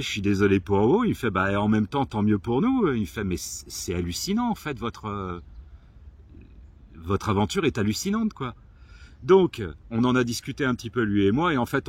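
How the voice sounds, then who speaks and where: A man telling a story to camera in a casual vlog, lively and swearing, acting out the people he quotes. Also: on the low side, husky, dry recording. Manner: animated, swearing, acts out quoted exchanges. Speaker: vlogger.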